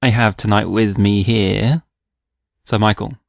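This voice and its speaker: A man's voice: on the low side, fairly even intonation, gravelly, dry recording, clean studio sound. A man hosting a podcast in casual chat, easygoing, laughing often and teasing his co-host. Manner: easygoing, quick to laugh and tease.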